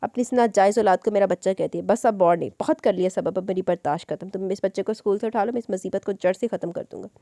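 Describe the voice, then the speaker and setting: A woman's voice: mid-range voice, animated, fast talker, dry recording, studio quality, close to an everyday voice. Woman doing a furious vengeful young man. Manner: loud, furious ranting.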